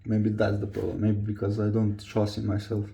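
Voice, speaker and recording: Speaking at normal speed in a fairly low, dark voice with vocal fry and little variation, this young Croatian footballer and vlogger confides casually to camera. He speaks non-native English with a Croatian accent, hesitating over word choice.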